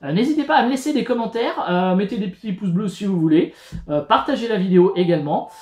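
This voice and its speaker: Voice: medium pitch, lively intonation, fast talker, a little mellow. A YouTube host in a casual unboxing vlog, chatty and hesitant, with many fillers and restarts, narrating each step while handling the box. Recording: echoey room with faint music.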